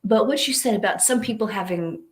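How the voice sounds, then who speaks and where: A woman's voice: mid-range voice, a little fast. Chatty woman hosting an interview. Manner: upbeat, chatty, many restarts and gasps. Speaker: interview host. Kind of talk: casual livestream interview.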